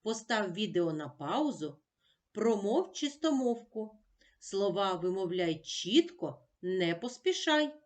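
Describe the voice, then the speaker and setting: Slow, clearly articulating woman teacher. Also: mid-range voice, sing-song. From Ukraine. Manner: slow, clear, deliberate diction. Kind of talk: speech therapy lesson for children.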